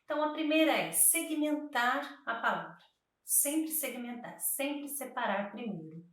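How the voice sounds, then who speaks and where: A woman's voice: sits high, animated, a bit bright, recorded from a distance. A woman speech therapist from Brazil explaining to camera, patiently sounding out words syllable by syllable. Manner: patient, slow syllable-by-syllable demonstrations. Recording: very echoey room, voice from off-mic.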